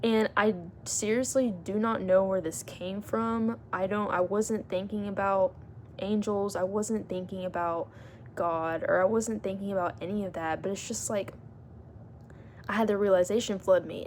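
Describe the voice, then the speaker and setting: A woman's voice: mid-range voice, darkish tone, a little hiss or hum. A woman talking to her vlog audience in an earnest, reflective, rambling way. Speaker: vlogger. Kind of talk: casual vlog monologue.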